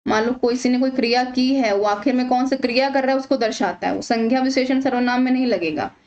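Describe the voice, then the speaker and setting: A woman's voice: high-pitched, fast talker, darkish tone, muffled recording. A woman teaching an exam-prep grammar lesson, patiently asking questions and answering them herself.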